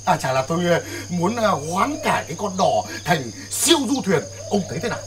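A man's voice: high voice, big pitch swings, fairly quick, noisy background. An actor playing a hesitant, stammering poor village boatman.

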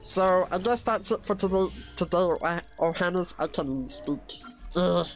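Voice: mid-range voice, moderate pace, faint music behind, close to an everyday voice. A performer voicing Stitch, a mischievous cartoon alien, doing let's play commentary and speaking of himself in the third person. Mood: excitable. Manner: refers to self in third person, excitable yelps. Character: Stitch, small mischievous male alien, excitable. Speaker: gaming channel host.

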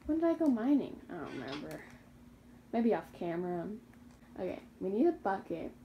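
A young woman YouTuber speaks in a sing-song, medium-pitched voice at normal speed, though the recording is muffled with a little hiss or hum. She casually narrates her Minecraft survival game, rambling, fixing her slips and laughing at herself.

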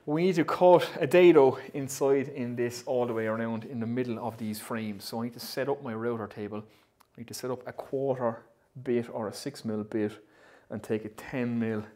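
A woodworking channel host in his thirties chats upbeat and casually, thinking aloud as he works in his indoor shed with pegboard walls. His voice is medium-pitched and mellow, moving at a moderate pace with few pauses.

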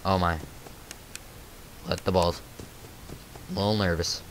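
Lowish-voiced man narrating gameplay. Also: level tone, a little slow, slight background noise. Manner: thinks aloud, nervous exclamations. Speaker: gaming channel host. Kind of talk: let's play commentary.

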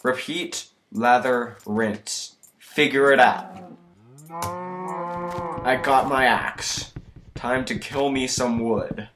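A teenage boy from the United States, tired and sick, rambling through self-mocking gameplay commentary with sudden loud outbursts. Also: mid-range voice, lively intonation, very slow, pauses often. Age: teens. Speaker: let's play gamer. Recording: noisy home recording.

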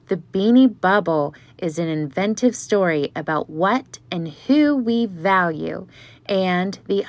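A woman hosting a casual commentary video, reading comments aloud in a mid-range voice. She breaks in with chatty, animated asides between the readings. The sound is close and dry, with no room around it. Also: medium pitch, dry recording. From Pittsburgh area, USA. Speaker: Beanie Baby collector and video host.

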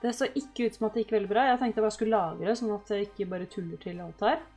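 A woman giving casual let's-play commentary, excitable and yelping at her game characters. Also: medium pitch, soft background music. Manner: excitable, yelps and shouts at the characters. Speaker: gaming host.

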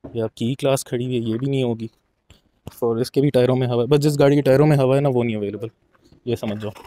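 In a fast, steady, warm mid-range voice, a young male vlogger gives a casual walk-through of an outdoor car lot, explaining things to the camera and slipping in English phrases. No room sound is audible.

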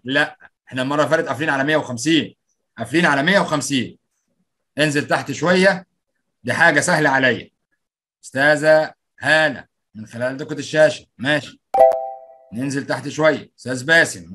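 A man's voice: a little high, pushed and bright, husky. A man with an Egyptian Arabic accent running a live online workshop as trainer, playfully reading out and greeting participants' answers.

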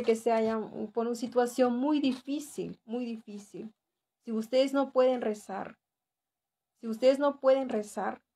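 A woman's voice: a little high, warm tone. A woman with a Mexican accent giving an earnest religious testimony, repeating phrases for emphasis and often adding tag questions. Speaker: church member giving testimony.

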